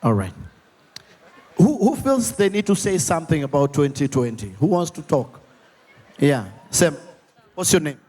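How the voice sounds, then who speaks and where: Hosting a live comedy show in a noisy venue, a man with a Kenyan accent calls out playfully and loudly to audience members. His voice runs on the high side and sing-song, at a normal speed with long pauses.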